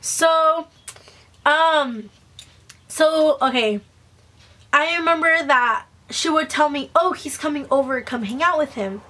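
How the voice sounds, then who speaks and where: High-pitched young woman, chatty gossipy storytime. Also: slow, pauses often, bright, forceful tone. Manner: chatty, slangy, swearing, self-mocking; acts out quoted dialogue. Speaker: vlogger.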